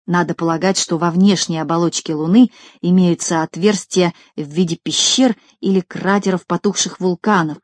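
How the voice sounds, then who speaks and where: A woman reading a children's story aloud in an expressive, lively narrating manner. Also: lowish voice, no echo. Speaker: audiobook reader.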